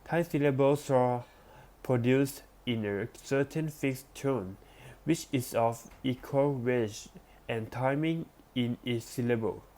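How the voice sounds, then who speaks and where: Here a man gives a lesson by reading academic material, taking his time with every phrase at a very slow pace. He sounds mellow at an ordinary middle pitch, reading deliberately and now and then restarting a word.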